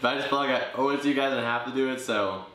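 A man's voice: mid-range voice, racing, a bit bright. A man in his twenties chatting casually and nervously to a camera. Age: 20s. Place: indoor living room, on a couch. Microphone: camera a few feet away. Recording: very echoey living room, noisy background.

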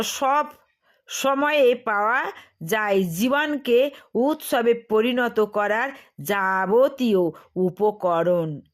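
Woman preacher, slightly high voice, very slow and measured sermon delivery. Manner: slow, deliberate delivery with drawn-out pauses.

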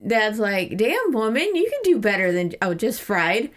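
A woman with a slightly high, very animated voice talks at a moderate pace as she co-hosts a podcast. She retells a book in a loose, giggly way with light swearing, reading passages aloud along the way.

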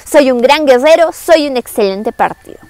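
A woman's voice: high voice, animated, normal speed, darkish tone, no room sound. A woman voicing a proud young warrior general who boasts about his own worth in a retold story. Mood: boastful. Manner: boastful, self-assured.

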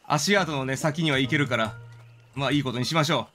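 A streamer plays a video game and casually comments on it, reacting aloud, talking to the game, and delivering dramatic line readings. His mid-range voice is bright and forceful, and he talks a little fast.

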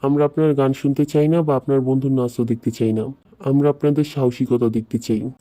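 A woman's voice: a bass voice, steady tone, a little fast, mellow. A woman doing a curt, stern male examiner. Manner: curt commands.

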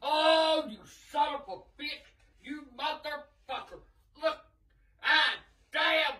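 An older woman, a grandmother with an irate, blunt, profane manner, talking casually and often shouting in a home bedroom. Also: sits high, slow. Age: older, 60s or above. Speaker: grandmother in prank videos. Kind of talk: casual reactions to pranks. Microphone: handheld phone camera a short distance away.

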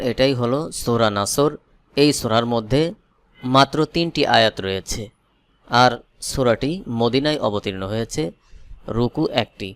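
A man teaching Quran reading letter by letter, explaining in a calm steady voice with slow chanted recitations between. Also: medium pitch, clean tone. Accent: Bangladeshi Bengali. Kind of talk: spelling-out Quran recitation lesson.

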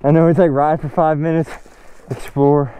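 A young man chatting casually in the woods while exploring on a dirt bike, talking in excited, laid-back slang. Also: on the high side, normal speed, smooth. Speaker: vlogger. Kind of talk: casual chat while trail riding. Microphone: helmet-mounted action camera. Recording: dull lo-fi action-cam audio, faint noise.

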